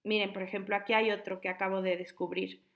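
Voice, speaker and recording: A woman, an online high school tutor patiently explaining spelling to her students. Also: level tone, fast talker, creaky, fairly bright tone, a little hiss or hum.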